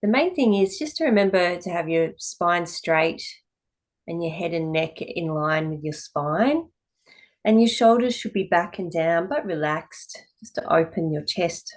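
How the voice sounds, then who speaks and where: A yoga teacher with a low-pitched voice leads a class through guided meditation. She speaks calmly and in a measured way, pausing between short phrases.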